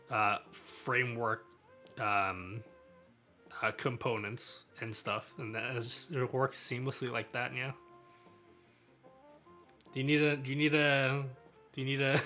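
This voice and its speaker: A man streams live in a medium-pitched voice that sounds pushed and bright, chatting casually with viewers and answering their questions. He's laid-back, often laughing and trailing off mid-sentence.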